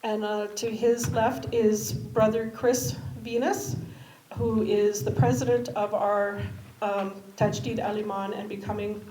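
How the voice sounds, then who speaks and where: A woman's voice: mid-range voice, flat delivery, unhurried, mellow. Hesitant woman moderating in an echoey hall. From Canada. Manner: hesitant, many fillers. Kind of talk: moderating a community panel. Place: community centre hall. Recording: echoey hall with background noise.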